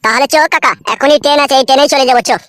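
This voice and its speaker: A woman voicing a suspicious young man in a cartoon comedy, talking in a rapid, fussy, pleading way. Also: sits high, steady tone, a bit bright, no room sound. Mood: coaxing.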